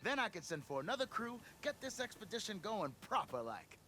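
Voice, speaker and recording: An actor playing a blustering, scheming expedition boss in a video game, with the theatrical, wheedling patter of a petty crook. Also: male voice, high voice, very animated, a little fast, sharp tone, a little hiss or hum, full character voice. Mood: triumphant. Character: blustering, scheming male chief delver and expedition leader. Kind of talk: video game character acting.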